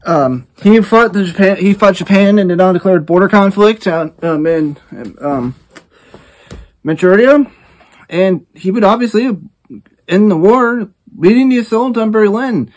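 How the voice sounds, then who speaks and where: Male reaction host, casual commentary, thinks aloud with halting restarts, slightly high pitch.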